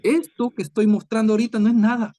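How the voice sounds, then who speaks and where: A man preaches an online Bible lesson conversationally to a chat audience, acting out dialogue with Jesus and scripture. He speaks quickly in a high, mellow voice with a flat delivery.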